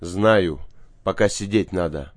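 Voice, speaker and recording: A man's voice: low voice, slow pace, dry recording. A man voicing a resourceful young boy who speaks in short, firm phrases, in a dry audiobook reading. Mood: calm.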